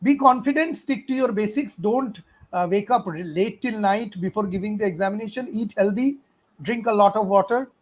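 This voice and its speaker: High-pitched and moderately paced, a middle-aged Indian English speaker answers questions from students during a live stream. He's a physics teacher whose chatty, fatherly manner is peppered with fillers and laughs.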